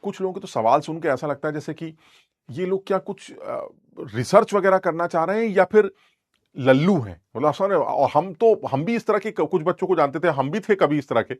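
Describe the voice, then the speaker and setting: Brief: young man, chemistry teacher, rambling and teasing, voice a bit high, dry close sound. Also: animated, brisk, dry recording. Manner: rambling, joking, scolds students playfully. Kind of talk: lecture with teasing asides.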